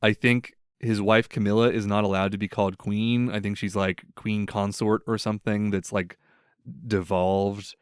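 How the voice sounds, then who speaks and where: A man's voice: lowish voice, level tone, moderate pace, smooth, no room sound, clean studio sound. A young man hosting a podcast, telling stories in a rambling, casual way full of "like" and other fillers. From United States. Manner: rambling storyteller, filler-heavy, lots of "like". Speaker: podcast host. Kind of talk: casual chat.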